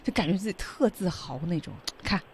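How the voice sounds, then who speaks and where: A woman's voice: on the low side, lively intonation, brisk, slight background noise. A woman co-hosting a radio English lesson, chatting in a casual, playful, colloquial way. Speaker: radio co-host.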